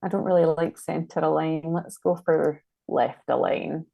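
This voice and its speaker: A woman's voice: sits low, moderate pace, gravelly, dry recording, highs cut off. A woman with a Scottish accent, a designer chatting casually and thinking aloud as she works through a live-stream demo. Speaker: designer guest.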